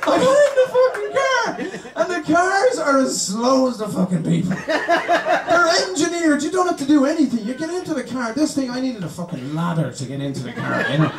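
A man's voice: extremely high pitch, very animated, fairly quick. An Irish man doing a crude, rowdy stand-up set on a club stage, swearing often. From Ireland. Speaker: stand-up comedian. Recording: roomy live club, distant mic, crowd laughter. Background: laughing audience.

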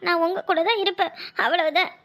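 A woman's voice: extremely high pitch, fairly even intonation, a little fast, a bit bright. A woman voicing a devoted young wife in a cartoon, pleading and affectionate. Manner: pleading, sing-song and affectionate. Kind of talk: cartoon voice acting.

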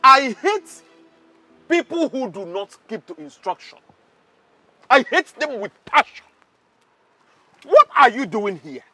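An actor with a Nigerian accent playing a pompous, hot-tempered palace guard who is loud and scornful. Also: male voice, very high-pitched, sing-song, takes it slowly, pauses often, no echo, faint music behind, full character voice. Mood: angry scornful.

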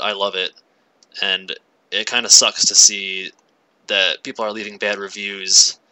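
Young male gaming host, very bright and lowish voice, loose rambling delivery with "um"s, headset mic at his desk. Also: poor audio. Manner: relaxed, rambling, frequent fillers. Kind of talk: casual tech walkthrough.

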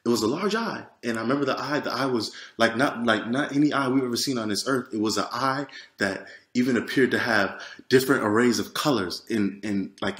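A man giving a personal testimony, retelling it earnestly and haltingly with many restarts and fillers. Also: mid-range voice, a bit bright, roomy sound.

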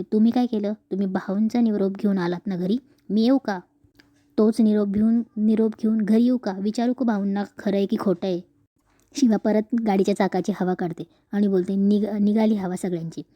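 Woman retelling a serial, dark dry voice. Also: mid-range voice, no room sound. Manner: switches quickly between narration and quoted dialogue. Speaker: narrator retelling a serial episode. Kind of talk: casual retelling of a TV serial with acted quotes.

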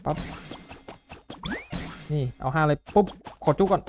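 A man giving excited commentary on a mobile party game, often calling out and exclaiming. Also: fairly high pitch, unhurried, slight background noise. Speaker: gaming YouTuber. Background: game music.

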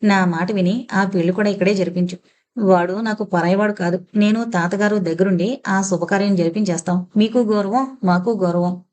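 A woman voicing a sharp-tongued, domineering elderly grandmother in an audio novel, scolding and sarcastic. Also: mid-range voice, steady tone, normal speed, natural voice. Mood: persuading.

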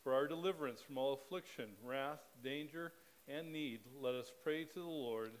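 In a low-quality recording, a middle-aged pastor with a voice on the high side leads spoken liturgy from the pulpit. His delivery into the pulpit microphone is measured and steady, keeping an even cadence throughout the sanctuary.

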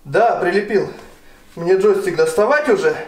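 A man's voice: high-pitched, normal speed, roomy sound, a little hiss or hum. A man in his twenties chatting casually and sarcastically in a comedy sketch. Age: 20s.

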